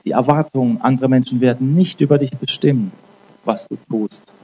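Man preaching casually, dark voice. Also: mid-range voice, a little fast, highs cut off, slight background noise. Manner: conversational, frequent "ne?" tags; repeats and restarts words. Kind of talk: informal sermon with prayer.

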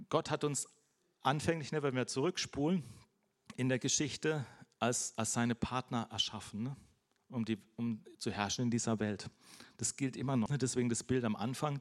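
A man preaching an informal sermon, chatty and direct, with everyday examples and frequent "ne?" tags. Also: mid-range voice.

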